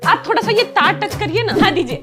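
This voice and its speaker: A woman's voice: very high-pitched, animated, fast talker, over music. A woman acting out comic neighbour sketches, switching between bickering characters and often laughing. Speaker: sketch comedian playing several characters. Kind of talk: comedy sketch role-play.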